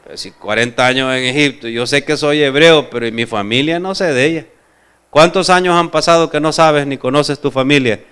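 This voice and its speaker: A man's voice: a little high, normal speed, few pauses, a bit bright, smooth, close to an everyday voice. A man voicing a humble older man unsure of his roots, speaking in a hesitant, faltering way. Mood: uncertain.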